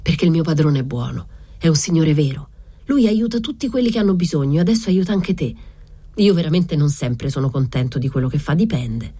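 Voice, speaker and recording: Earnest rambling servant in an audiobook, voiced by a woman reader, mellow and husky. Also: deep voice, animated, fairly quick, no room sound. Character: loyal chatty male servant.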